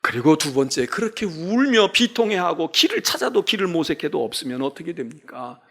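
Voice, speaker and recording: Dramatic raspy male pastor preaching. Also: on the high side, big pitch swings, fairly quick. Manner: dramatic, swings from hushed asides to loud exclaiming; acts out quoted laments and taunts. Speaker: senior pastor. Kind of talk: sermon. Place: church sanctuary.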